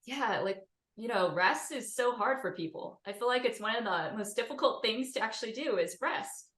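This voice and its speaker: A woman's voice: a little high, expressive, moderate pace, echoey room. A woman hosting a community video call, chatty and full of fillers. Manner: chatty, lots of fillers, warm thanks. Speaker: community host.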